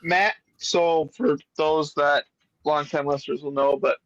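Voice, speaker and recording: A man with a somewhat high voice, co-hosting a casual betting show and explaining his numbers analytically. He pauses and restarts as he thinks. The sound is dry and close to the mic. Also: steady tone, fairly bright tone, dry recording, highs cut off. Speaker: co-host who runs the prediction model. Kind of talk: casual sports betting podcast chat.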